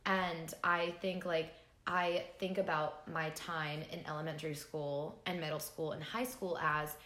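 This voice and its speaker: Podcast co-host, woman in her 20s, bright and chatty, slightly low, roomy sound. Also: level tone, unhurried. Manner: chatty, lots of "like", laughs easily. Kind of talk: casual chat over wine.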